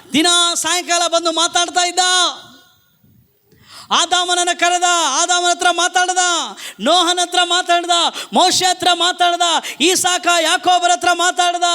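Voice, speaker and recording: High-pitched, fervent preacher. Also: male voice, bright, forceful tone. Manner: emphatic, calls the congregation to repeat after him. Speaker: pastor. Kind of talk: Pentecostal-style sermon. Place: church service.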